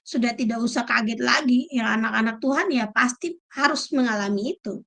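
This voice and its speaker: Woman preacher, high voice, emphatic lively delivery. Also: fairly quick, creaky. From Indonesia. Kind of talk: sermon.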